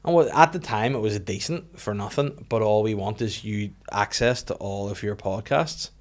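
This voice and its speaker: A man with a lowish voice and normal speaking speed appears as a comedian guest on a podcast. With his Northern Irish accent, he chats casually, rambling and cracking profane jokes.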